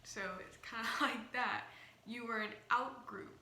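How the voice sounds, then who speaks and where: A woman's voice: fairly high pitch, fairly even intonation, unhurried, sharp tone. A young woman with a slight lisp, as if wearing a retainer, explaining ideas casually and informally to a camera. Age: young adult. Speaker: vlogger. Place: small indoor room. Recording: roomy echo, faint background noise.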